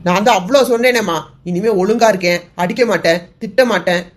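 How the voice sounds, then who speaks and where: A woman's voice: medium pitch, fast talker, natural voice. Woman playing a hot-tempered grieving young man. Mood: bitter. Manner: accusing, bitter. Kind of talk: cartoon serial dubbing.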